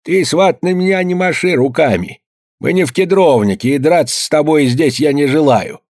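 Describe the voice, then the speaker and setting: A man's voice: on the high side, normal speed, darkish tone, no echo, studio quality, voice pushed up. A man voicing a stubborn, fussy old village grandfather who speaks in a raised, insistent voice. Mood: indignant. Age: older.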